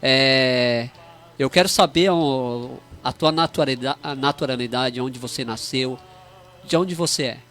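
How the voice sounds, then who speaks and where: A man hosting a religious radio program, interviewing a guest. He greets listeners with pious phrases and asks loose, rambling questions. His voice is mid-pitched, with faint music in the background. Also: measured pace, fairly bright tone. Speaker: radio host.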